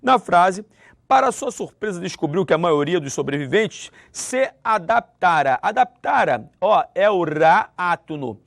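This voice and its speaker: A man with a Brazilian Portuguese accent teaching a video grammar lesson, lively and acting out example sentences. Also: high-pitched, a little slow, vocal fry, dry recording, clean studio sound. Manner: lively, acts out example sentences with shifting intonation.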